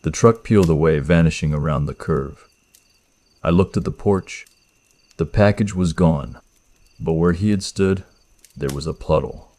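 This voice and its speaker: Deep voiced guy reading a creepy horror story, first person, tense and measured. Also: mellow.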